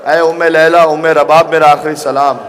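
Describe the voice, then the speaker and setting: A high-pitched male cleric delivers an impassioned mourning sermon, his voice swelling toward cries at its peaks. Faint noise from the gathering sits beneath him. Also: little pitch movement. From Pakistan. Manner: emotional, rising to near shouts.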